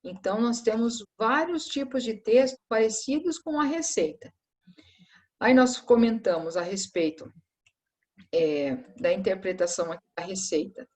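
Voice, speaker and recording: A woman's voice: a little high, animated, moderate pace, darkish tone. A woman teacher, reviewing a lesson for her students in a patient, explanatory way with frequent tag questions. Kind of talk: recorded class review.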